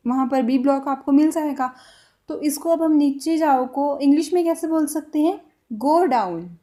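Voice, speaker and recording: A young woman teaching everyday phrases, explaining each slowly and repeating it as she switches between languages. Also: high-pitched, dark tone. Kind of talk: casual spoken-language lesson.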